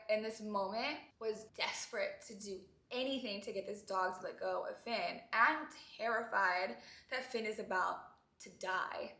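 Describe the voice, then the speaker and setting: A young woman vlogger telling an emotional story, tearful and animated as she talks. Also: mid-range voice, roomy sound.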